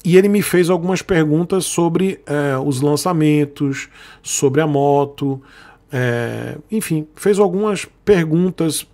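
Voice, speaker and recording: A Brazilian man with a fairly high, mellow voice speaks slowly to his viewers, calling them "gente." He's a sponsored motorcycle creator who talks casually and at length in Brazilian Portuguese, repeating himself and circling back.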